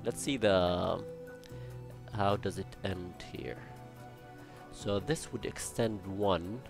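Young guy mumbling through a game build, low gravelly voice, slow, counts blocks out loud, bits of spanish, faint music behind. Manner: mutters to himself while building, counting and checking; drops in playful Spanish words. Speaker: Minecraft building channel host. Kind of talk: casual gameplay commentary.

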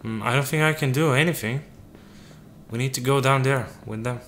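A man's voice: mid-range voice, moderate pace, fairly bright tone, slight background noise. Man joking through gameplay commentary. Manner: joking, talks to game characters as his crew. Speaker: let's play gamer.

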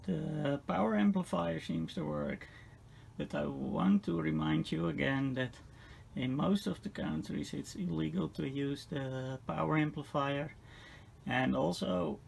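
Working hands-on at a workbench indoors, a man with a fairly high, gravelly voice shows off radio gear without a script, sounding casual and unsure. The electronics lab setting carries noticeable workshop noise behind him.

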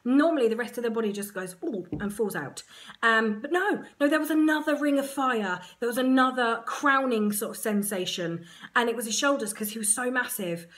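A woman with an English accent chatting straight to camera, her voice sitting a little high. She talks frankly and with self-mocking humour, tossing in quick asides as she goes. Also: fairly bright tone. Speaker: surrogate mother vlogger. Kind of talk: casual storytelling to camera.

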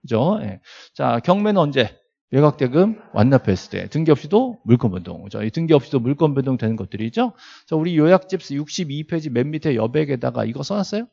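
Teaching law at a real estate agent exam prep academy, this middle-aged lecturer has a gravelly, mellow, medium-pitched voice whose intonation rises and falls a lot. He talks fairly fast and very animatedly, repeating key terms, asking rhetorical questions, and cracking small jokes for the class. The audio is lo-fi and dull.

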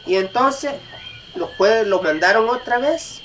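Mexican guy telling a folk tale, lots of pauses and ums. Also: high-pitched, animated, recorded from a distance, noisy background. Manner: halting, with fillers and restarts. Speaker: storyteller. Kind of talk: oral folk storytelling.

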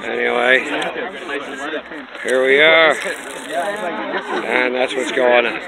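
A man's voice: medium pitch, fairly even intonation, takes it slowly, creaky, rough recording. A man in his fifties with a Canadian accent, chatting casually and jokingly to a phone held at arm's length outdoors. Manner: jokey banter. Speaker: event vlogger interviewing friends. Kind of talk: casual chat to camera. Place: outdoors in a crowded lakeside park. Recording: outdoor phone video amid crowd noise. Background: crowd chatter.

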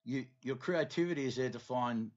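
A man's voice: medium pitch, normal speed, a little mellow. A man hosting a podcast, asking questions in an easygoing, encouraging way. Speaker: podcast host. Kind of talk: casual chat. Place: home podcast studio. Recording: dull lo-fi studio recording.

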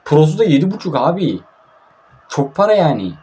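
A man's voice: on the high side, very animated, a little fast, mellow, slightly rough. Grumbling young man playing a mobile football game. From Turkey. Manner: frustrated, grumbling, swears often. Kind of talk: casual gameplay commentary.

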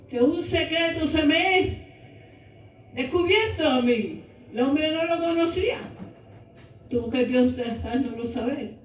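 A middle-aged woman preaching a sermon into a handheld mic in a small church hall, impassioned, rising into shouts and half-sung lines. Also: sits high, a little hiss or hum. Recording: echoey room, camera far off, dull sound.

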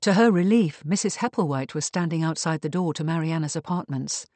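A man reading a period mystery novel aloud in measured, even audiobook narration. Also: fairly high pitch, no room sound.

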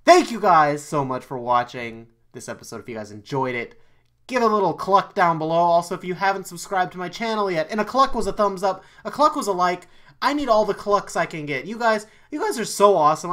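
Jumpy, animated man playing a horror game. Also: high voice, fairly quick, rough recording. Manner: jumpy, easily startled, swears often; talks himself into calming down. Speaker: YouTube let's player.

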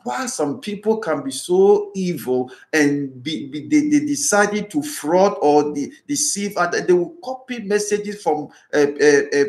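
Fervent Ghanaian priest leading prayers. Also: male voice, fairly high pitch, lively intonation, a little slow, few pauses, darkish tone, roomy sound. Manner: repetitive, fervent, exhorting.

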